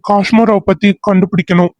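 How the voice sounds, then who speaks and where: A man's voice: high-pitched, little pitch movement, a little fast, no room sound, lo-fi sound, lightly acted. A man voicing a doubtful young friend in a cartoon serial who questions the plan. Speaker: cartoon character.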